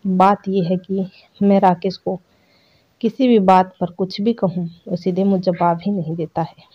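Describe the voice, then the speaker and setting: A woman's voice: medium pitch, steady tone, measured pace, breathy edge. A woman voicing a lonely, tearful young housewife who speaks in a sad, complaining tone. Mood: troubled. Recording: dull lo-fi recording.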